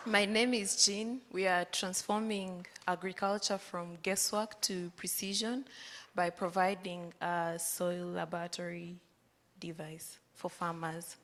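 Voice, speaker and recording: A woman, a student founder, pitching her startup directly and confidently. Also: flat delivery, unhurried. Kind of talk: short pitch at an event. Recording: hall reverb with background noise.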